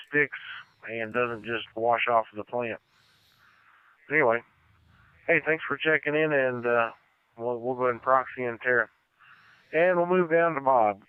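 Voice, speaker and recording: A man's voice: mid-range voice, clean tone, dry recording. A man running a ham radio net in a casual, easygoing way with lots of filler words, heard over a radio link. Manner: relaxed, easygoing, frequent "uh" fillers. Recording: tinny radio-band audio, dry.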